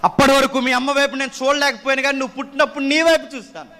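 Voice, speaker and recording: A male preacher delivering a fiery youth sermon, scolding and rhetorical, shouting at times. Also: extremely high pitch, flat delivery, rapid-fire.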